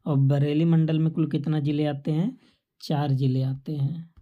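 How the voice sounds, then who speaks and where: A woman's voice: low-pitched, level tone, moderate pace, highs cut off. A woman teaching an exam-prep lesson, asking questions and answering them herself while repeating the key facts to memorize. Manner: quizzes listeners and answers her own questions.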